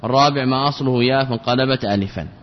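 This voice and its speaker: A man teaching an Arabic grammar lesson, repeating each example word slowly as he explains it. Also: medium pitch. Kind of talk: classroom lesson. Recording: dull lo-fi recording with long hall reverb.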